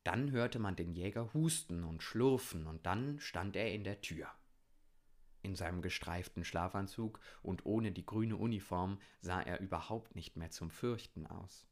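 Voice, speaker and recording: A man reads a children's story aloud in a calm, gentle manner. His voice is fairly low and he takes an unhurried, slow pace.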